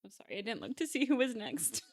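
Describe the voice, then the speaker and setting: A woman co-hosting a book podcast in casual chat, with quick apologetic asides. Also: a little high, very animated. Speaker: podcast co-host.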